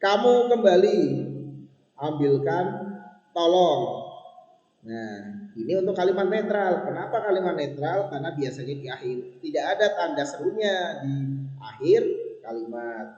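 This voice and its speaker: A man's voice: fairly high pitch, very animated, moderate pace, darkish tone. A young man teaching a recorded school lesson to his pupils, patient and instructive, repeating points and checking that they follow. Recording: echoey, reverberant room, dull lo-fi sound.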